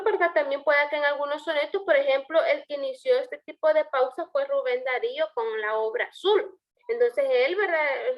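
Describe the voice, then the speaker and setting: A woman's voice: sits high, lo-fi sound. A woman teaching a poetry lesson, explaining step by step and asking her students questions. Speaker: language teacher. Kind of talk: online class lecture.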